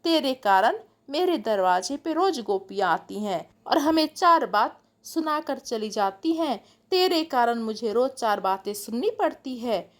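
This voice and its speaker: A woman voicing a protective, scolding mother who talks in rapid, insistent bursts. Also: a little high, lively intonation.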